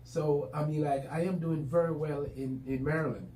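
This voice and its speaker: Man, warm mellow tone, rambling casual talk, distant mic, faint hiss. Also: fairly high pitch, steady tone, normal speed. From Jamaica. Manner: talkative, loose, many fillers. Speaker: business owner guest. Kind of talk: casual interview chat. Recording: echoey room, mic at a distance, faint background noise.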